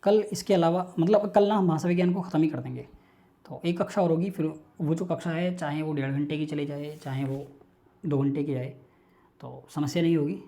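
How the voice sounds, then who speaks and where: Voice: medium pitch, moderate pace, warm tone. A teacher giving an online class lecture, patiently repeating lists aloud in rhythmic drills and coaxing students to memorize them.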